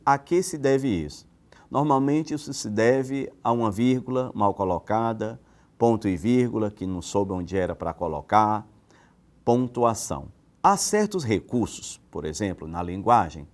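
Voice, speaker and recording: Brazilian guy teaching punctuation, mid pitch, keeps asking "right?". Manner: explanatory, rhetorical questions, swings in pitch and loudness. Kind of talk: recorded grammar lesson.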